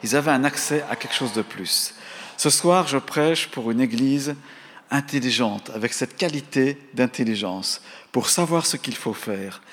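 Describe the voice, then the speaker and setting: A man's voice: mid-range voice, measured pace, a bit bright. A man preaching a sermon, reading out verse references and calling on the congregation to pray aloud. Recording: long hall reverb.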